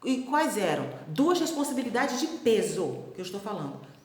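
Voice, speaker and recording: A woman's voice: medium pitch, big pitch swings, moderate pace, roomy sound. A woman teaching the Bible in a chatty way, often checking that her listeners follow and acting out quoted voices. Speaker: preacher.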